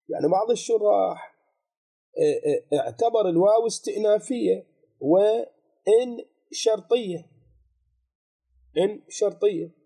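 An Iraqi man giving a seminary lesson on religious law, his voice husky and deeply mellow. He explains patiently, tossing out rhetorical questions and repeating key phrases. When he reads from the text, he slows right down. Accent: Iraqi Arabic. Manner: reads quoted text slowly and deliberately.

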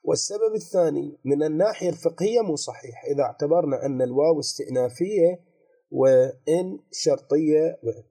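A man with an Iraqi accent teaching a seminary lesson on a legal text. He explains step by step, asks rhetorical questions, repeats key phrases and reads quoted passages slowly. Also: a little high, warm tone, husky. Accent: Iraqi Arabic. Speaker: religious law teacher.

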